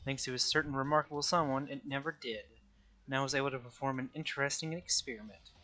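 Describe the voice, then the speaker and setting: Man playing a haughty, coldly calm young heir. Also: medium pitch, quick pace, close to an everyday voice. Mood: smug, condescending. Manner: calm, condescending. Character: haughty, cold young male noble heir, coolly cruel. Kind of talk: video game character read aloud.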